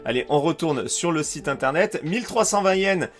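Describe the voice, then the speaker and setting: A man's voice: a little high, animated, moderate pace, faint music behind. A French man walking viewers through a shopping website in a casual, chatty way, with plenty of fillers. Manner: chatty, enthusiastic, many fillers. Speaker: YouTuber reviewing collectibles. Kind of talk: casual screen-share walkthrough.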